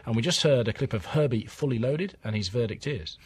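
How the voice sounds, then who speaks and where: A male radio host talks fast with a slightly husky voice, keeping the chat brisk and teasing. His studio sound is close and dry. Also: mid-range voice, lively intonation, no room sound. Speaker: radio presenter.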